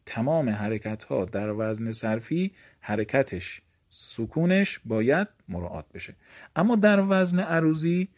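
A man's voice: medium pitch, a little mellow. A male teacher giving a grammar lecture, explaining step by step and asking the class questions that he then answers himself.

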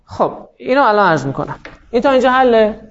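A man's voice: very high voice, very animated, fairly bright tone, muffled recording. A male teacher giving a classroom lecture. He explains step by step and asks questions that he then answers himself. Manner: explanatory, poses and answers his own questions.

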